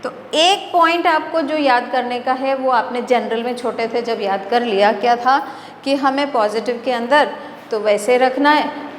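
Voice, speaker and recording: A woman teacher with an Indian accent explains a grammar lesson slowly, repeating words and asking rhetorical questions to her class. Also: high voice, slight background noise. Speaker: English teacher. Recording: echoey hall, mic at a distance.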